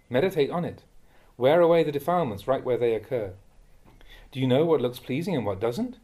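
Mellow-voiced monk reading a stern talk. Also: male voice, medium pitch. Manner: measured and admonishing, rising sharply when scolding. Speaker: monk reading teachings aloud. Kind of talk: reading a Dhamma talk aloud. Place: monastery.

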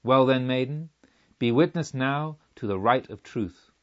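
A man voicing a fierce, chained robber chief who speaks gruffly and growls, rising to a booming call. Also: unhurried, highs cut off, lightly acted. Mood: scornful. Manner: grows loud and booming in his invocation.

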